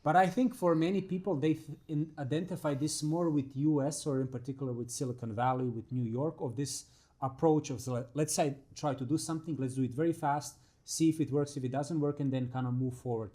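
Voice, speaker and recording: A man's voice: on the high side, steady tone, a little fast, few pauses, dark tone. A man from Croatia co-hosting an interview podcast, talking animatedly as he poses long questions. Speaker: podcast co-host. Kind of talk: conversational interview.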